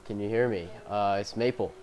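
A man's voice: on the low side, normal speed, a little mellow. A young man, sick and coughing, giving casual, profane, rambling commentary over a racing game from his bedroom on a headphone mic. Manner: profane, rambling, self-mocking. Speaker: gameplay commentator.

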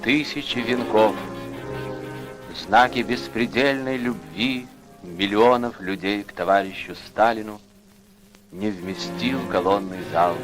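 A man's voice: on the low side, rough recording. Solemn male old-newsreel narrator. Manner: solemn, measured mourning tone. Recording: archival newsreel with loud funeral music. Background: loud mournful orchestral music.

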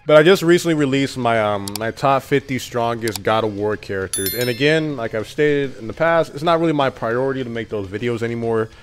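Raspy-voiced man in casual gaming talk. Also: medium pitch, a little fast, few pauses. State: raspy, slightly deeper voice than usual. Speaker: gaming YouTuber.

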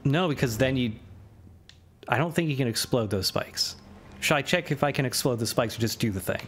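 A man streaming a video game, chatting in a relaxed way and laughing easily. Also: medium pitch, a little fast, slight background noise. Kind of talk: casual let's-play chat.

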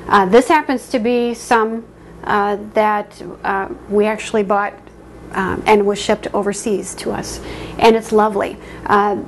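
Woman in her 30s chatting through a baking demo at home, mid-pitch, lots of ums, little bit of kitchen hiss. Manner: friendly, conversational, frequent ums and uhs. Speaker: home baker demonstrating. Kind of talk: casual cooking demonstration.

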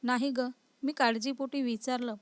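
A woman reading aloud gives voice to a playful young husband who keeps needling his wife. The tone is light and mocking, slightly high, and the voice sits dry and close. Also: fairly even intonation, normal speed, no echo, natural voice. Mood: teasing.

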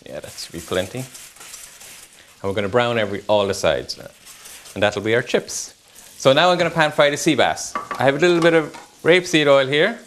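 A male chef talks through his cooking in an easygoing, step-by-step demonstration, his voice at medium pitch and normal speed. The clip comes from a home-style kitchen indoors, noisy with sizzling pans.

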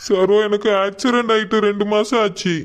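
Calm reassuring cartoon husband , voiced by a man. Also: high voice, a little fast, natural voice. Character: injured husband back from abroad, reassuring.

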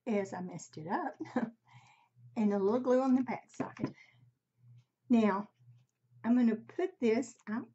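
An older woman with a husky, breathy voice, giving a casual, halting craft demonstration at home in her craft room. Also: fairly high pitch, dark tone. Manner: halting, unhurried, conversational. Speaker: craft tutorial host. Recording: slightly dull, muffled sound.

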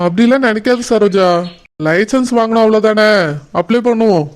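A man's voice: high voice, brisk, lightly acted. A man with a Tirunelveli Tamil accent voicing a patient, reassuring village husband in a cartoon. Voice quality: calming, patient. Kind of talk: cartoon voice acting.

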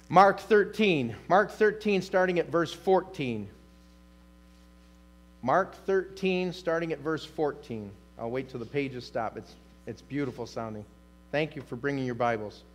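A male pastor preaching a sermon in a church, emphatic and repetitive, asking the congregation questions. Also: fairly high pitch. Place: church sanctuary.

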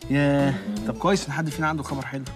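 An actor playing a meek, demoted husband who sulks and whines in an Egyptian accent. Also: male voice, medium pitch, fairly even intonation, racing, music in the background, natural voice. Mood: glum. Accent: Egyptian Arabic. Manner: whiny, sulky, meek.

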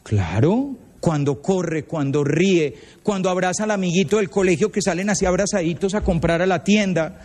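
A Colombian man with a notably high voice lectures to parents, lively and storytelling, slipping into the voices of the people he quotes. His voice rings out with a long reverb, as if in a large hall. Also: normal speed. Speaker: retreat leader.

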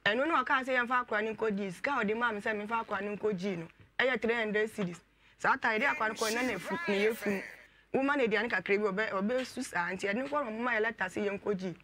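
A woman guest on a talk show, telling her story in a rapid, insistent way. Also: medium pitch, pushed and bright, a little hiss or hum. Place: TV studio.

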